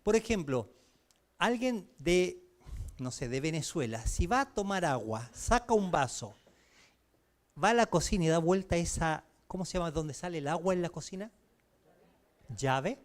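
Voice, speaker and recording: Animated high-voiced Chilean pastor preaching. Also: male voice, moderate pace, long pauses. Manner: conversational preaching with everyday examples and questions to the congregation. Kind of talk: sermon. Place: church service.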